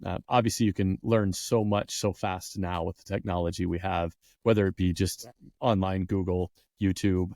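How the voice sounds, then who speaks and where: Man, podcast host, low voice, dry close mic, encouraging. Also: fairly even intonation, normal speed, a little mellow, no room sound. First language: English. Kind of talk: interview conversation.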